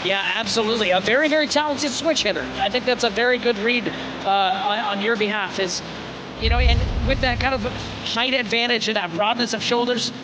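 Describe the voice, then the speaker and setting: Guy chatting through fight commentary, higher pitched, really loud noise all around. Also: brisk. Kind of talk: sports commentary, conversational co-commentary. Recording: very noisy live event background.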